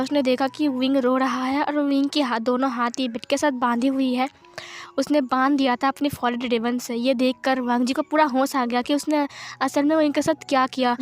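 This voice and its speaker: Woman narrator, fan fiction storytelling, high voice, plain, repetitive retelling.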